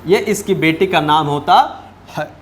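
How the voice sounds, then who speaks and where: A man's voice: a little high, unhurried, echoey room, slight background noise. A man teaching a class, retelling a story in a chatty way and often asking whether the students follow. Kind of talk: storytelling lesson retelling a chapter.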